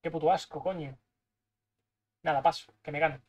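A young man from Spain with a Spanish accent, giving live gameplay commentary, excitable and swearing, muttering to himself as he plays. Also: fairly high pitch, moderate pace. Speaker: streamer.

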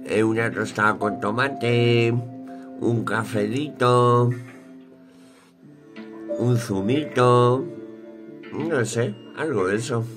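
Over music, a man in his thirties with a medium-pitched voice and a Peninsular Spanish accent chats casually as a vlogger. He thinks aloud in an unhurried, colloquial, rambling way, with some mild swearing. He's indoors in a small, cluttered room at home.

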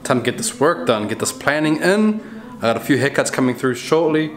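This barber vlogger, a man in his 30s, speaks animatedly and briskly at medium pitch, chatting to camera in a laid-back, slangy style with lots of repeated phrases. The small, bare barbershop room adds ambience, and the camera mic, held at arm's length or close by, picks up clear background noise.

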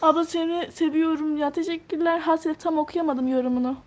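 High-voiced teen girl streamer. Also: steady tone, a little fast, a little hiss or hum. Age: teens. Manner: chatty, answers viewer comments one by one; thinks out loud while touring a game house. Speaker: live streamer. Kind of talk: casual live-stream chat reading comments.

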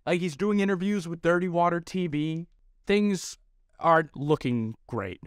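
A man's voice: on the high side, unhurried, clear, resonant tone, no room sound, clean studio sound. A man narrating a comedic recap of his reporting in a self-deprecating, rambling way.

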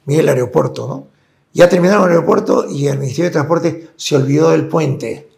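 A man's voice: a little high, fairly quick, gravelly, darkish tone. A man, a guest in a conversational interview, explaining his points at length and often tagging them with a check-in question. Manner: explanatory, tags points with "¿no es cierto?".

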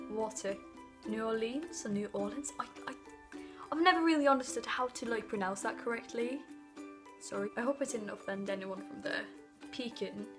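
A woman from Norway, a native Norwegian speaker, chatting casually into her phone in her living room, stumbling and apologizing as she goes, sounding a little off sick. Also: a little high. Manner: chatty and self-conscious, with frequent stumbles and apologies. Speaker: vlogger. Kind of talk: casual vlog chat. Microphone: phone propped on a stack of things. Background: faint added background music.

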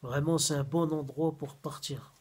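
Husky guy in his 30s rambling on in a slangy phone vlog, repeats himself a lot. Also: fairly high pitch, fairly even intonation, moderate pace, darkish tone. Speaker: vlogger. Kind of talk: casual food-review vlog. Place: small room at home, then a busy fast-food restaurant. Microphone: phone camera at arm's length, then propped on a table.

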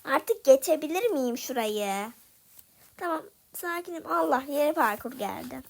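This young gaming video creator has a high, animated, gravelly voice and talks at a measured pace. She gives casual commentary to viewers as she plays, getting frustrated by a tough level.

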